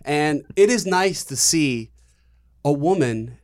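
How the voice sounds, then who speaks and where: A man from Chicago chatting on a podcast, joking in a deadpan, mock-earnest way. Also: on the high side, slow. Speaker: podcast guest. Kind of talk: casual chat.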